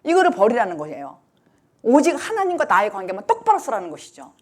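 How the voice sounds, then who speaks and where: A woman's voice: fairly high pitch, fast talker. A woman pastor preaching a sermon emphatically, sometimes acting out the cries of the people she describes. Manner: emphatic, lively preaching that acts out the blind man's cries.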